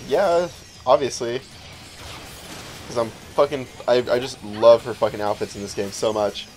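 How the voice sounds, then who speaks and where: A young man rambles through loose gameplay commentary, swearing often and jumping into arguments with his co-host. He speaks at an ordinary middle pitch. Faint music plays underneath. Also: lively intonation, normal speed, a little mellow. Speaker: let's play host.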